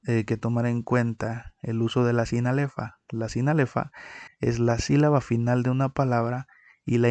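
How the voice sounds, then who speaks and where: A man's voice: medium pitch, a little mellow, no room sound. A man teaching a recorded lesson on poetic meter, explaining step by step and counting syllables aloud.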